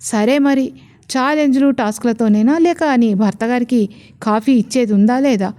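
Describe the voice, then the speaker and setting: A woman's voice: a little high, moderate pace, close to an everyday voice. A woman voicing a teasing young husband. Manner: teasing, lively.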